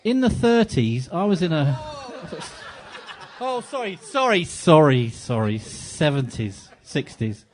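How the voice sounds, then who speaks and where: Male event host, lively pitch, bantering with guests in a cafe. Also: slow. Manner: jokey, chatty and animated. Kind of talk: live on-stage interview. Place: cafe venue with a live audience.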